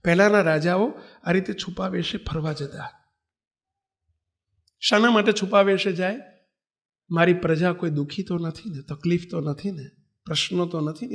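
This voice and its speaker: A man from Gujarat giving a storytelling sermon, animatedly acting out the figures in a parable. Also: high voice. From Gujarat, India. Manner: animated, voices characters in a parable. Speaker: preacher.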